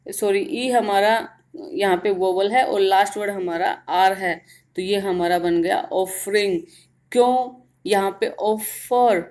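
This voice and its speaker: A woman teaching grammar in Hindi, explaining step by step and repeating words slowly to show their stress. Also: mid-range voice. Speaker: English teacher. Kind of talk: grammar lesson in Hindi with English terms.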